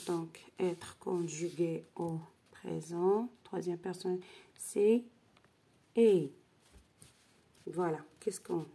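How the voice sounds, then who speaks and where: A woman's voice: fairly low pitch, gravelly, mellow, breathy edge. A woman teacher walks through a worksheet, spelling out syllables and checking in with "d'accord?". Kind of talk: slow worksheet lesson.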